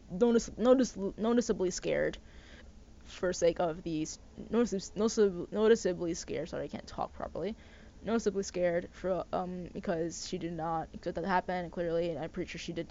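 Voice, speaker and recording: A woman's voice: on the low side, a little mellow. A young woman ranting casually as host, swearing often and rambling with restarts and stumbles. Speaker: podcast host. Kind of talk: casual rant. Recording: slightly dull lo-fi sound with faint noise.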